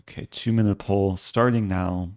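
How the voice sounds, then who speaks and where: A man giving casual live commentary as a chess streamer, low-key and thinking aloud in short fragments. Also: steady tone, moderate pace, a little mellow, clean tone.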